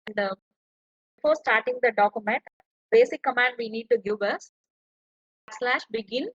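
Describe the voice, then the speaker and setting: A woman's voice: fairly high pitch, normal speed, slightly rough, dry recording, highs cut off. A woman lecturer, explaining step by step as she types in an online tutorial. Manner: explains step by step while typing.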